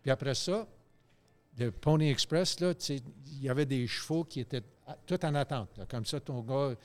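A man, telling stories in a loose, animated way on a radio chat show, full of fillers and restarts. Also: mid-range voice, normal speed.

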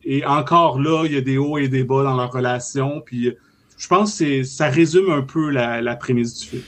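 A man in his forties with a Quebec French accent, chatting casually about a film and pausing often on fillers. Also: medium pitch. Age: 40s. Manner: relaxed, hesitant with many fillers.

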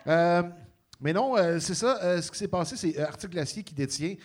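A man's voice: high-pitched, animated, moderate pace, slightly rough. A man with a Quebec French accent, co-hosting a podcast and explaining facts in casual chat. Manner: explanatory, reads out information. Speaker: podcast co-host reading listener questions.

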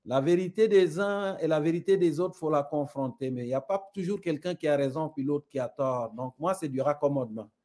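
A man's voice: on the high side, a little fast, hardly any pauses, warm tone. A middle-aged man from Senegal with a Senegalese French accent, a guest speaking thoughtfully and with conviction, telling parables. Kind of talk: reflective conversation.

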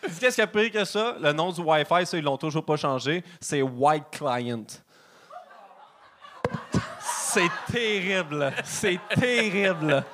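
A man's voice: fairly high pitch, expressive, slow, a bit bright, a little hiss or hum. A man with a Québécois French accent, joking and laughing through casual banter as a comedian guest.

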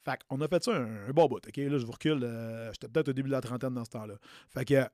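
A man's voice: medium pitch, quick pace, a little mellow, no room sound. Chatty Québécois man, dry close sound. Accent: Québécois French. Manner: loose, chatty, mixes English slang into French. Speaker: personal trainer. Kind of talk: casual storytelling podcast.

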